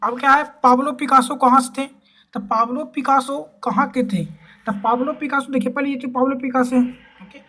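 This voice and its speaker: A woman teaching a quiz-style exam-prep lesson. She asks each question, then repeats the answer, with drawn-out fillers. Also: sits high, fairly even intonation, fairly bright tone. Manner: drawls and repeats words, frequent fillers.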